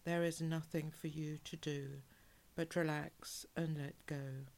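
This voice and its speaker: Low, slow, soothing woman guiding relaxation. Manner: calm, measured, soothing, with drawn-out phrases. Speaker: relaxation hypnosis guide. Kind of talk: guided relaxation hypnosis, soothing scripted narration.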